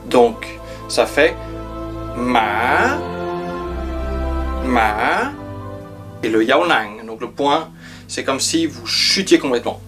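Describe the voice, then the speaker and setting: A man's voice: mid-range voice, measured pace, over music. A man giving a pronunciation lesson, carefully demonstrating letters and sounds one by one. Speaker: language teacher.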